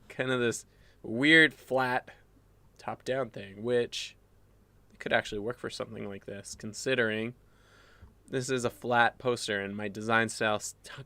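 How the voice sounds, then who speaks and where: Working live at home, a slightly phlegmy graphic designer talks through his design at a desk mic, meandering with fillers and false starts. He has a mid-range voice and a sharp tone, and the recording is dry.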